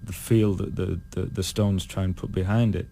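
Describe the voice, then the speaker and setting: A British man, a singer being interviewed, talking in a thoughtful, halting way full of restarts. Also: deep voice, fairly even intonation, creaky, dark tone, slight background noise. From United Kingdom. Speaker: guest singer. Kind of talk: casual interview chat.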